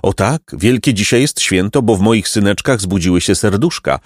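Storybook figure: a worn-out old mother, tender and overjoyed, raised lively voice, put on by a male narrator, dry close sound. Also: on the low side, moderate pace, dry recording, natural voice. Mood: blessing.

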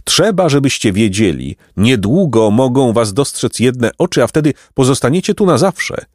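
A man voicing a high, lamenting old man of gold. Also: sing-song, moderate pace, darkish tone, dry recording, clean studio sound. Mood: grave. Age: older. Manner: sighing, exclaiming, heated whisper. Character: old man of gold, tormented, yearning courtier. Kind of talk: audiobook character reading.

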